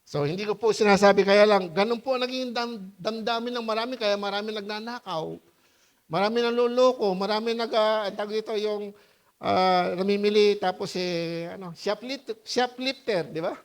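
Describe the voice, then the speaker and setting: High-voiced male pastor preaching conversationally. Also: moderate pace. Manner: conversational preaching with frequent rhetorical questions to the congregation; lively, with high-pitched voiced quotes and laughter. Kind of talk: sermon.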